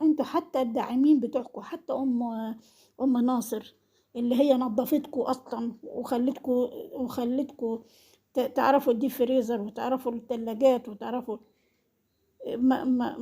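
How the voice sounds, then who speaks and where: Reproachful and relentless, this woman repeats her accusing questions again and again in a monologue about an online family feud. She has an Egyptian Arabic accent and a slightly high, mellow voice with a breathy edge, fairly even intonation and a somewhat quick pace.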